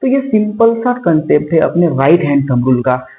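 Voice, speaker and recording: A man's voice: fairly high pitch, sing-song, normal speed, gravelly, mellow, reverberant, soft background music, low-quality recording. A man teaching physics at a whiteboard, who asks questions and answers them himself and calls his students kids. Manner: addresses students fondly as kids. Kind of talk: classroom whiteboard lecture. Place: classroom with a whiteboard.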